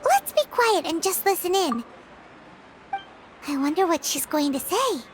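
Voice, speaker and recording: A woman's voice: very high-pitched, big pitch swings, measured pace, heavily acted. A woman voicing a tiny, curious fairy companion in a game, childlike and chirpy, with music behind her. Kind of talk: scripted game dialogue. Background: loud background music.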